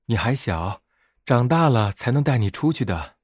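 A man's voice: mid-range voice, big pitch swings, moderate pace, husky, no room sound, studio quality. A man voicing a strict, caring mother groundhog in a bedtime story, speaking firmly. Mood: stern. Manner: firm, stern.

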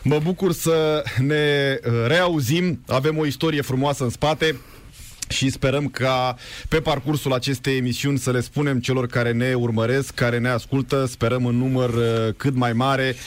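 A man hosting a live sports talk show, quickly running through match results and chatting with his guest. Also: mid-range voice, steady tone. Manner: quick newsreader-style rundown of results, chatty asides.

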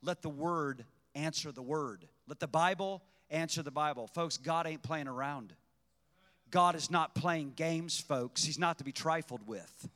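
A man preaching a sermon in a fervent, emphatic manner, with sudden loud bursts. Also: on the high side, measured pace. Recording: long reverb, echoey hall.

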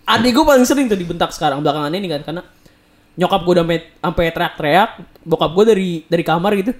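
Fast-talking young guy. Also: sits high. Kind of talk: casual group chat.

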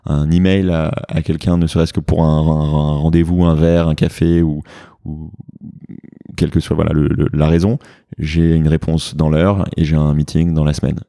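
A man's voice: very deep voice, level tone, normal speed, vocal fry, warm tone, no echo. A French man with a French accent, a fitness studio founder, speaking hesitantly with many fillers in a business interview. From France.

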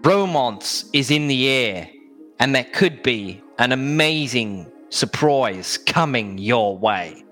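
A man doing a horoscope reader with a shaky South African accent, delivered at a slow, deliberate pace in a middle-pitched voice that sits a little low. Faint music hums underneath. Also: lively intonation, fairly bright tone. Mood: mock-solemn. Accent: South African, put on.

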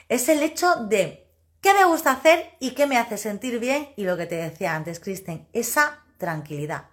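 A woman, hosting a casual live stream as a personal development coach, talking loudly and emphatically and laughing often. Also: a little high.

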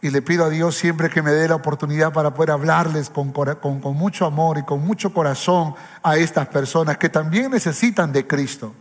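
A man's voice: on the high side, fairly quick, few pauses. A man pastor preaching an impassioned sermon, fervent, repeating phrases for emphasis. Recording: reverberant hall with faint music.

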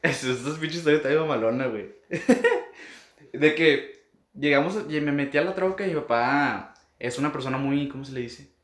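A man's voice: a little high, normal speed, fairly bright tone. Slangy Mexican man telling a story. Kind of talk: casual chat. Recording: roomy echo.

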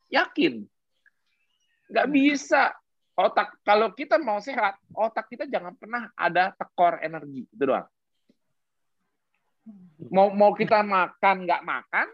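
Animated guest explaining science, pitch all over the place, dry muffled audio, keeps asking the listener questions. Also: no room sound. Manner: animated, rhetorical questions, mixes English terms. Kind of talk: casual explanatory podcast talk.

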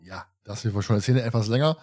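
A man's voice: lowish voice, quick pace, dark tone, faint music behind. Man chatting casually on a podcast. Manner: rambling, many restarts and fillers. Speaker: podcast co-host. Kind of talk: casual chat.

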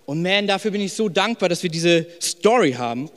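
A young man preaching a sermon in a personal, emphatic way, dropping to soft lines and rising to loud ones. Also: high-pitched, expressive, fairly quick. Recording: long hall reverb with faint music.

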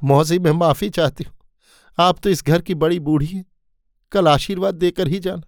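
A man performs the part of a gentle young wife who pleads earnestly, pitching his voice above his natural one yet keeping it close to an everyday sound. The pitch is fairly high, the intonation fairly even, and the pace moderate, captured in a dry, studio-quality recording.

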